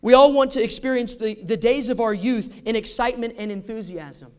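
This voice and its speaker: Male pastor, high-pitched, conversational sermon delivery with rhetorical questions. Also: brisk, a little mellow, clear, resonant tone.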